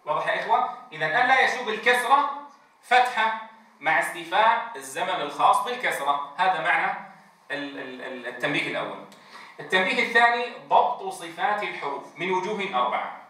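A man's voice: high voice, lively intonation, fast, bright, forceful tone. A man training Quran teachers in a lecture. He stretches out letter sounds to demonstrate them and keeps checking in with his class. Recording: very echoey room, distant mic.

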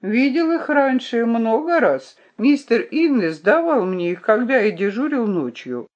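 A man's voice: very high voice, sing-song, a little slow, dull audio, voice pushed up, heavily acted. A reader voicing a young male gardener who speaks bluntly and directly, without preamble. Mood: explaining.

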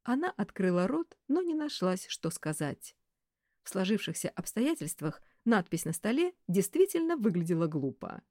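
A woman reading an audiobook with expressive storytelling. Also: medium pitch, normal speed, no room sound, clean studio sound. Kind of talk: audiobook narration.

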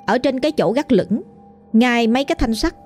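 A woman's voice: on the high side, expressive, brisk, darkish tone, soft background music. A woman with a Southern Vietnamese accent narrating a ghost story in a chatty, colloquial way, addressing the listener directly.

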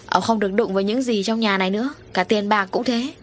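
A woman voicing an angry, wronged middle-aged wife who confronts her unfaithful husband in shrill, accusing words. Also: steady tone, quick pace, slight background noise, lightly acted. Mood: indignant.

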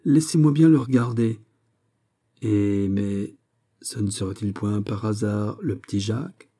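A man's voice: on the low side, measured pace, dark tone. A man voicing an old, small and stocky wine grower with a cautious, mumbling manner. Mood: hesitant. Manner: hesitant, mumbling at first.

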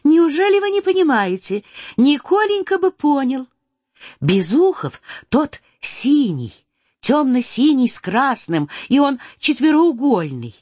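A woman reading a storybook voices an impulsive, playful teenage girl who talks in an excited, insistent way. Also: high-pitched, a little slow, dry recording, pitched above the performer's own voice. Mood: eager. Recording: slightly dull dry recording.

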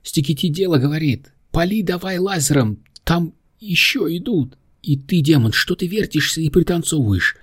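A man doing a shrill commanding young woman. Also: expressive, moderate pace, a little mellow, husky. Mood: bossy. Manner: shrill, bossy.

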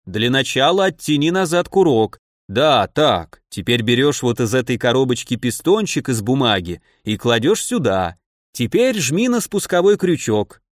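A man reading a gruff, wry man dressed as Grandfather Frost who tells the children a tale in a dry, drawling way. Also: medium pitch, very animated, normal speed, dry recording, natural voice. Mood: instructive.

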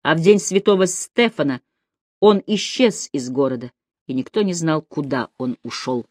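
Low-voiced woman reading an audiobook. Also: a little mellow, no room sound, studio quality. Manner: measured, dramatic reading. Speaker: audiobook narrator. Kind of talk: audiobook narration.

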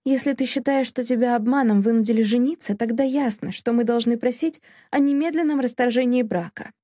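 Give me a woman playing a scared yet defiant young bride in an audiobook romance. She sounds tense and pleading and sits higher than the narrator. The tone stays warm and the recording is dry. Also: a little fast, dry recording, natural voice. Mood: взволнованно.

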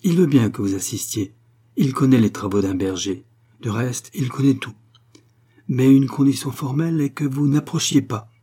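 A man's voice: mid-range voice, normal speed, warm tone, husky, pitched above the performer's own voice, close to an everyday voice. A man reading the part of a grieving old aristocrat who speaks tenderly and pleadingly to his lost son. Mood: insistent.

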